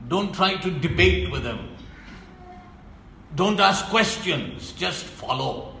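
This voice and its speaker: A man preaching a sermon in an emphatic, stern way, often sinking to a low voice to press a point. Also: animated, slow pace, vocal fry, sharp tone, reverberant, slight background noise, poor audio.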